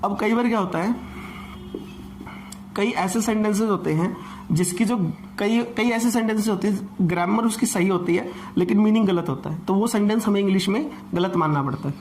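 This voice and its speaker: A man's voice: high-pitched, normal speed, a little mellow, a little hiss or hum. A man teaching an English grammar class, explaining patiently and repeating points, often asking rhetorical questions.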